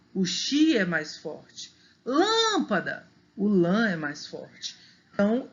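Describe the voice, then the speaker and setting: Slow, lively-voiced woman teaching children. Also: lo-fi sound. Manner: stretches out example words slowly and pitches them up for emphasis; patient, encouraging, with frequent tag questions. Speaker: primary school teacher. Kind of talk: recorded video lesson for children.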